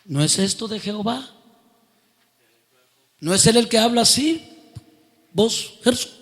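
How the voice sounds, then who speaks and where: A man's voice: sits high, animated, measured pace, a bit bright. A man preaching a sermon, quizzing his congregation and building to fervent outbursts.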